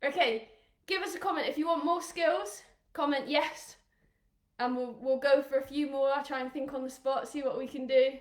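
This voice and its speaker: Leading kids through a live online workout, an English rugby coach speaks in a high voice with fairly level intonation and a moderate pace. She stays upbeat and supportive, counting down aloud, occasionally short of breath, her words bouncing off an echoey room.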